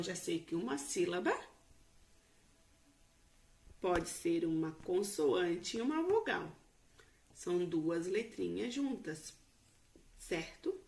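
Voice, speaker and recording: A Brazilian woman teacher explaining a lesson slowly to young children in a recorded remote class. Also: mid-range voice. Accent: Brazilian Portuguese.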